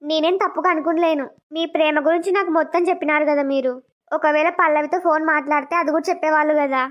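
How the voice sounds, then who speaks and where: A woman plays a gentle young wife in a cartoon who turns quietly suspicious. Her voice is high and quick. The recording is dull and lo-fi. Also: fairly even intonation, close to an everyday voice. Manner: soft, questioning.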